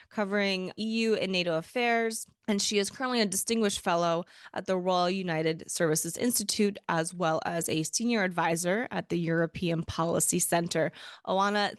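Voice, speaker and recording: A woman's voice: medium pitch, no echo, clean studio sound. Polished woman podcast host. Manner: polished and formal, then conversational. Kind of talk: scripted intro and interview questions.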